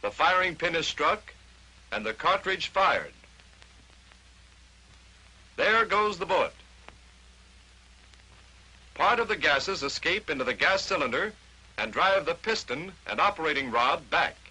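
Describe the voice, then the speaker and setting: An American man narrates a 1940s instructional training film, explaining each step in short declarative statements. His voice is a little high, pushed, bright and slightly rough, and the vintage film soundtrack has poor audio.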